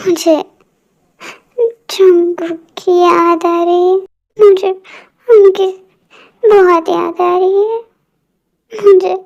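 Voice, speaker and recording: A woman's voice: sits high, a little mellow, lo-fi sound. A woman voicing a tearful, lovesick young woman who begs her mother while sobbing. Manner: pleading, sobbing.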